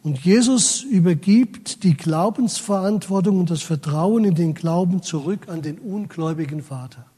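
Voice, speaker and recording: A man's voice: sits high, moderate pace, hardly any pauses, warm tone, slightly rough, big-room sound. A man preaching a sermon, speaking straight to his congregation and reading scripture aloud with dramatic weight. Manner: addresses the congregation directly, quotes scripture dramatically.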